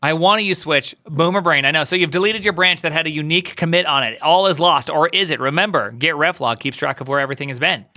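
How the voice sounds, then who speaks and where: A man with a bright, forceful voice pitched a little high leads a live coding walkthrough. He talks through each command as he types, tossing playful asides to his viewers and jumping even higher when he teases. Keyboard clatter sits behind him. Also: quick pace, few pauses. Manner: playful, joking asides to chat, jumps high when teasing. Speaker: coding instructor.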